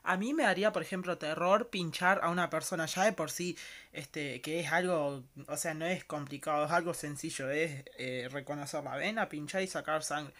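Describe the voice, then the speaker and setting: An Argentine man comments casually on a TV episode in a somewhat high, slightly bright voice at normal speed. As a reaction commentator, he rambles chattily, tossing in slangy asides and mock-disgusted exclamations.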